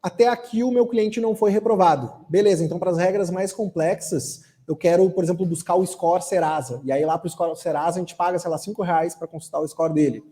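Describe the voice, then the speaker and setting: A man with a mellow, warm voice answers an audience question at a tech conference. He explains at an easy pace and often ends his phrases with a questioning tag. His voice sits a little high for a man. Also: fairly quick, few pauses. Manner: explanatory, relaxed, frequent "né?" tags. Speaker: software architect speaker.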